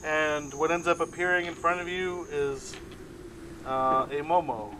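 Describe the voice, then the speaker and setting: A man's voice: a little high, a little slow, pushed and bright, slight background noise. A man running a tabletop game as game master, narrating casually and thinking aloud.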